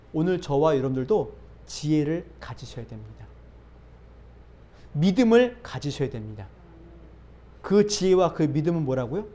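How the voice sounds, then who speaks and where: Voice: medium pitch, mellow. A pastor preaching a sermon, asking rhetorical questions and answering them, building emphasis by repeating phrases. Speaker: pastor who planted a church.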